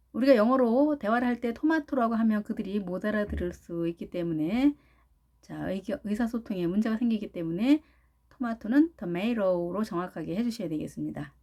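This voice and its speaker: A woman's voice: medium pitch, animated, dark tone. A woman with a Korean accent teaching pronunciation, sounding out words syllable by syllable in a careful lesson style. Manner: drawn-out syllables sounded out one by one.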